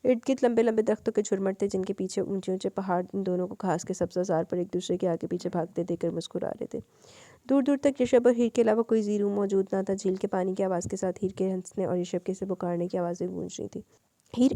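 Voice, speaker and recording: A woman's voice: dark tone, dry recording. A woman reading a romance novel aloud, raising her voice for the lovers' lines. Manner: voices both lovers, lifting pitch and volume for dialogue. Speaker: audiobook narrator.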